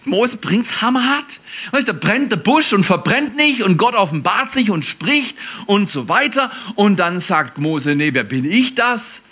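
A male pastor preaching a lively sermon to his congregation, swinging from loud, quick appeals to a hushed whisper. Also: high voice, breathy edge. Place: church.

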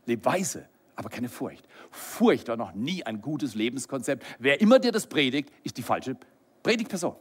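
A middle-aged man preaching a sermon, lively and animated, swinging between loud exclamations and soft whispered lines. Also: medium pitch, moderate pace, slightly rough. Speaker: pastor.

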